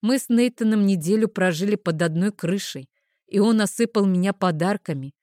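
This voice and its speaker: A woman narrating a first-person audiobook in a calm, even storytelling manner. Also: mid-range voice, normal speed, dry recording, clean studio sound.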